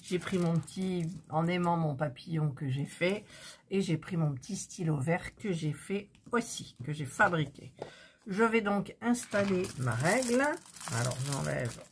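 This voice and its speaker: A chatty woman with a low voice talks through her crafting at a home desk. She keeps cutting herself off and gets flustered as she works. There is a faint hiss behind her and the odd click. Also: lively intonation, a little slow. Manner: chatty, self-interrupting, easily flustered. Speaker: craft channel host. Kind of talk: casual chat while crafting.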